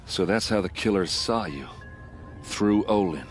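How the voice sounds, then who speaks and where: An actor playing a grieving soldier in a video game, speaking in a blunt and insistent way. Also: male voice, lowish voice, expressive, unhurried, soft background music. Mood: questioning. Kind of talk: video game dialogue acting.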